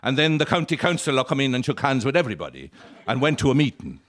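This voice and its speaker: Lilting Irish male storyteller, animated and droll. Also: medium pitch, quick pace. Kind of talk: comic storytelling monologue. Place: live on stage at an arts centre.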